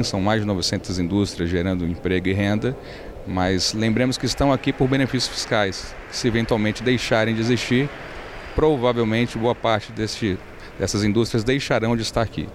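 A Brazilian man, an event producer, speaking as a guest in a panel discussion, measured and explanatory. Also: lowish voice, noisy background.

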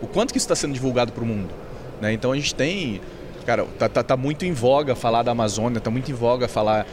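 Fast-talking man in a casual panel chat. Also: mid-range voice, background noise. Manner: casual, rapid, many restarts and fillers. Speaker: panel guest, visitor.

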